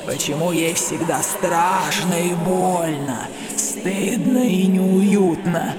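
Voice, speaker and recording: A narrator voicing a monstrous living mass of human flesh in a demonic, inhuman layered voice, chewing slowly on each word, over a horror audiobook. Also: medium pitch. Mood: accusing. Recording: loud music underneath. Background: loud music.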